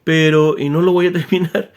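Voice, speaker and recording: Male author, high voice, casual animated lecture style with frequent restarts. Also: moderate pace. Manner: animated, with many tag questions and restarts. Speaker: author explaining history. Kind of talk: informal spoken lecture.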